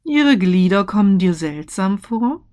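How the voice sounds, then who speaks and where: A woman voicing the mournful ghost of a dead businessman, speaking solemn, slow warnings. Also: mid-range voice, animated, a little mellow, natural voice.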